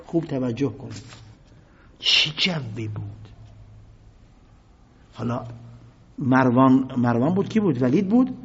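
A man preaching a sermon. He reads classical quotes slowly, explains them, and rises to loud, dramatic outbursts. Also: a little high, creaky, husky. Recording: muffled lo-fi sound with long hall reverb.

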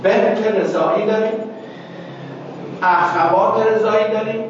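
A man's voice: high voice, steady tone, slight background noise. A male teacher giving a classroom lecture. He explains word meanings step by step, checks understanding with questions, and prompts the students to finish his sentences. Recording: echoey distant dull lo-fi classroom recording.

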